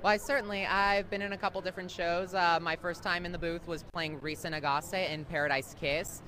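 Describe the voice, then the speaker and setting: A woman who grew up in South America, guesting as a voice actor in a casual outdoor convention interview, answering in a relaxed, thoughtful way. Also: fairly low pitch, a little fast.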